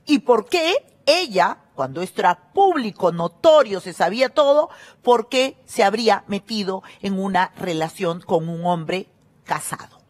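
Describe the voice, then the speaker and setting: A woman's voice: mid-range voice, expressive, unhurried. A middle-aged woman, hosting a gossip show and commenting in an emphatic, scornful way. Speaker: TV show host.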